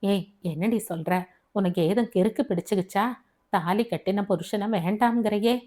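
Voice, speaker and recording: A woman's voice: mid-range voice, normal speed, dark tone, lightly acted. A woman voicing an anxious, loving middle-aged mother in an audio novel, fretful and motherly. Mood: scolding. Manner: soothing then scolding.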